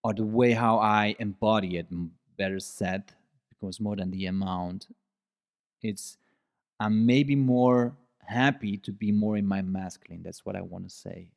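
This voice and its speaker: A man's voice: fairly low pitch, measured pace, vocal fry. A man hosting a solo podcast in an earnest, explanatory manner. He repeats key phrases for emphasis and his English phrasing slips at times. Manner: non-native phrasing and grammar slips. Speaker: podcast host. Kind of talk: reflective solo monologue.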